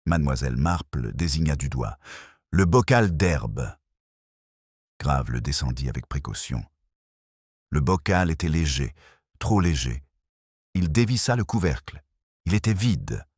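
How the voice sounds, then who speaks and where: Very deep, husky male storyteller. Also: animated, moderate pace, darkish tone, no room sound, clean studio sound. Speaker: narrator. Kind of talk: scripted narration of a mystery story.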